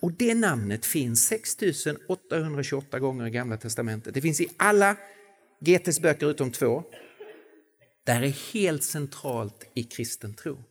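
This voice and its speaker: A man's voice: medium pitch, very animated. Man preaching in a reverberant hall. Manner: dramatic swings from soft to emphatic, slow stressed phrases. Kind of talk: sermon.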